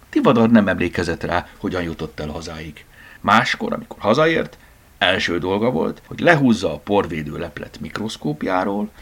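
Deep gravelly male storybook narrator. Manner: expressive, softly drops to whispered asides. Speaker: audiobook narrator.

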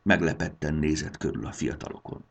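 A man reading a children's story aloud with expressive delivery. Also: extremely low pitch, vocal fry.

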